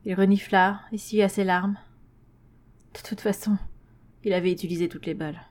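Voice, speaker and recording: A woman narrating a horror story with a measured, tense reading at a middle pitch. Her delivery stays even and controlled.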